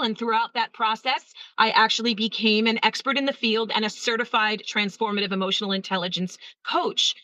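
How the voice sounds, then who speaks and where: A middle-aged American woman, a guest on a podcast interview, speaking in an expressive, emotional, animated way about her work coaching teachers. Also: fairly high pitch, dry recording, low-quality recording.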